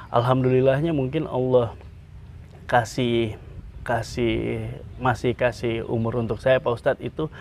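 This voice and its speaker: An interview guest, a man speaking at an ordinary middle pitch. He tells his story earnestly. He pauses often and fills the gaps with hesitant sounds. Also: flat delivery, gravelly, darkish tone, a little hiss or hum. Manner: earnest, hesitant with many "eh" fillers. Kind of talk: interview, personal account.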